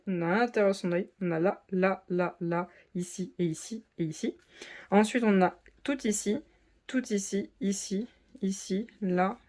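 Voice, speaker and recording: A woman hosts a casual unboxing of a craft kit, speaking straight to her viewers. She works through long lists of numbers and points out spots one after another in a steady, methodical way. Packaging crinkles now and then in the background. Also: mid-range voice. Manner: chatty, addresses viewers directly. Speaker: diamond painting channel host.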